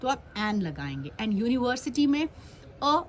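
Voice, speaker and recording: Woman teacher, higher voice, explaining grammar to kids and quizzing herself, mixes in English, faint background noise. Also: very animated, measured pace. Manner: asks questions and answers them herself; mixes English phrases into Hindi.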